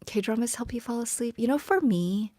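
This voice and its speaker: A woman chatting casually on her live stream, tired and rambling, often dropping to a soft whisper as she talks to viewers. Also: on the high side, animated, normal speed, no echo.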